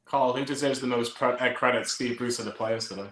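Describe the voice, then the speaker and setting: A man's voice: mid-range voice, steady tone, a little fast. A teasing man chatting about football and quizzing his co-hosts. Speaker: co-host asking questions. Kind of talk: casual football chat. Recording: roomy with faint noise.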